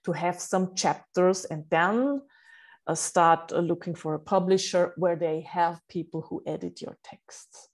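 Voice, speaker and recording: A middle-aged native German speaker describes her book coaching in a podcast interview, sincere but full of fillers and false starts. She speaks in an unhurried, fairly low voice.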